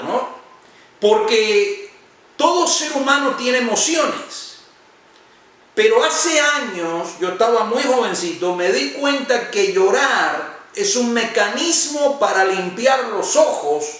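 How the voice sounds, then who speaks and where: A man's voice: high voice, fairly bright tone. A man, a pastor, preaching a sermon emphatically and stretching out stressed words. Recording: very echoey, from far off.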